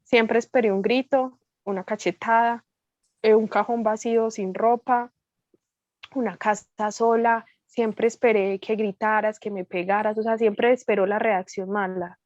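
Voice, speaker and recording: A woman with a Colombian accent giving a lively testimony as a guest speaker, acting out the dialogue as she tells it. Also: mid-range voice, measured pace, no room sound, dull audio. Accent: Colombian Spanish. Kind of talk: testimony in a prayer meeting.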